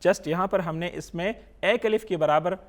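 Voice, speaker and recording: A man's voice: high-pitched, normal speed. A man teaching a Quran reading lesson, asking questions and answering them himself, drawing out each letter as he recites it. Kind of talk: slow teaching lesson with call-and-repeat recitation.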